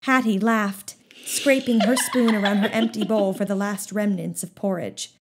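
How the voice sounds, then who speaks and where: A woman narrating a children's novel in the first person with a steady, gently expressive reading. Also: mid-range voice, moderate pace, noisy background. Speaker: audiobook narrator.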